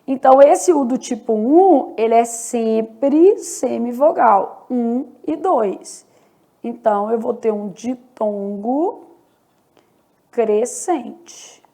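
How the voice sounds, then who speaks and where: A woman's voice: fairly high pitch, lively intonation, slow pace, warm tone. A woman teaching Portuguese in an online lesson, explaining step by step and often checking in with the viewer. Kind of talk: online exam-prep lesson.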